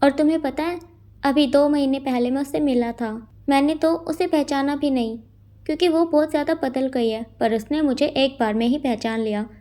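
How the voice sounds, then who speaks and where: Earnest young male lead, gentle and lovesick, confiding storybook read, read by a woman in a high, warm voice. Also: moderate pace, close to an everyday voice.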